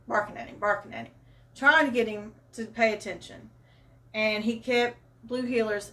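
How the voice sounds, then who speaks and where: This Arkansas woman, with a Southern accent, chattily retells a personal story for her channel. Her voice sits on the high side with a fairly bright tone, and she's a bit far from the mic.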